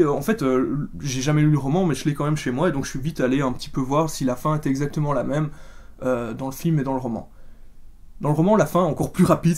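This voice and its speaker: Man, film reviewer, casual chat, lots of fillers, slightly high voice. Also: darkish tone. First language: French. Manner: chatty, many fillers and restarts.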